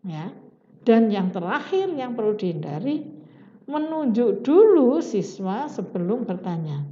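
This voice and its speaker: Slow mellow-voiced woman lecturing. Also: mid-range voice. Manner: explanatory, acts out example teacher lines. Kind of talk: recorded lecture on teaching skills. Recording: dull roomy recording.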